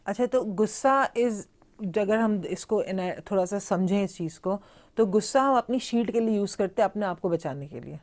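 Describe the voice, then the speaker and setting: A woman leads a talk with a guest, asking questions and summing up what has been said. Her voice is mellow and warm. She slips easily between two languages mid-sentence. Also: mid-range voice, animated. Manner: conversational questioning, switches between Urdu and English. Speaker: host. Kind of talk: interview conversation.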